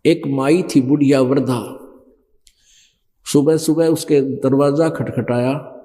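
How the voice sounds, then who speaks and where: A man's voice: mid-range voice, fairly even intonation, dark tone. A man telling a folksy story in a sermon. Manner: slow folksy storytelling with village speech. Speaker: preacher. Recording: long hall reverb.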